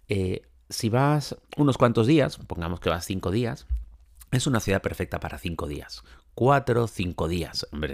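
Un hombre que habla de viajes en tono charlado y divagante, con muchas muletillas y repeticiones. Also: male voice, low-pitched, creaky. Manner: chatty, rambling, many fillers and restarts. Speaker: travel vlogger. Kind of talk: casual travel talk to camera.

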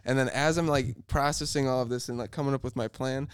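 Man, twenties, podcast co-host, rambling casual storytelling, clear voice, dry close sound. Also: medium pitch, fairly even intonation, quick pace, no echo. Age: 20s. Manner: rambling, self-interrupting, laughs at himself.

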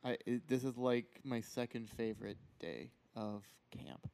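A man's voice: mid-range voice, unhurried, gravelly, darkish tone. A man hosting a podcast in casual conversation, with an enthusiastic, playful way of talking. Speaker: podcast host. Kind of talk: casual chat.

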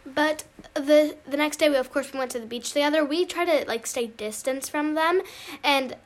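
A woman with a high voice jumps in eagerly to add details to a story. She talks casually among friends. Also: normal speed.

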